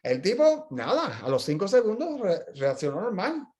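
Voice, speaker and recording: A middle-aged man with a somewhat high-pitched voice speaks as a physical therapist in a casual journal club chat. He tells stories and explains clinical points, often backing up and restarting his sentences. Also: wildly swooping pitch, moderate pace, darkish tone. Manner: chatty storyteller, explains with frequent restarts.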